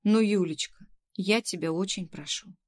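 A woman's voice: mid-range voice, lightly acted. A woman putting on a fussy, coaxing kindergarten boss. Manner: coaxing, bossy, quick to scold. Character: middle-aged female kindergarten head, fussy and coaxing.

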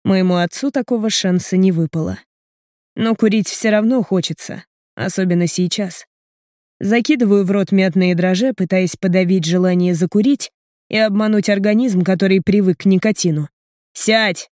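A woman narrating an audiobook in an even, measured way. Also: mid-range voice, no echo, clean studio sound. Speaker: audiobook reader.

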